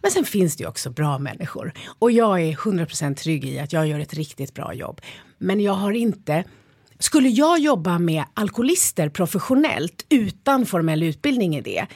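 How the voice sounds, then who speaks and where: A woman in an interview, a leadership developer telling her stories in a lively, animated way. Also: lowish voice, breathy edge, no room sound, clean studio sound. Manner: lively storyteller, animated retellings. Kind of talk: interview conversation.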